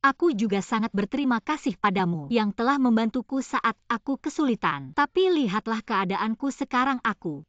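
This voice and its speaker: A woman's voice: fairly high pitch, animated, normal speed, no echo, natural voice. A woman dubbing an emotional, confused young woman. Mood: pleading. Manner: pleading, emotional. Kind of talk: dubbed TV drama dialogue. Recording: dull lo-fi dubbing, dry.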